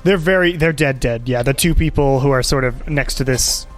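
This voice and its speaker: A man's voice: mid-range voice, moderate pace, faint music behind. A man running a tabletop fantasy game as game master, narrating casually and calling out rulings.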